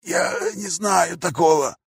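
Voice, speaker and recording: A man voicing a frightened male captive who wheezes and croaks his answers in short, clipped bursts. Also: on the high side, slow pace, dry recording, clean studio sound, voice pushed up, heavily acted. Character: hoarse, frightened male captive under interrogation.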